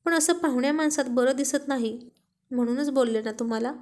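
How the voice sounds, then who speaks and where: A woman's voice: high voice, fairly quick, a little mellow, close to an everyday voice. A woman reading as a witty young wife. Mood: playful. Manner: playful, coaxing.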